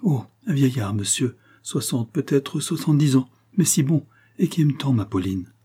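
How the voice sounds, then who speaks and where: A man's voice: mid-range voice, normal speed, dark tone, husky. A man reading the part of a tearful widowed mother of about forty, who pleads and breaks off in sobs, in an audiobook. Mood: tearful pleading.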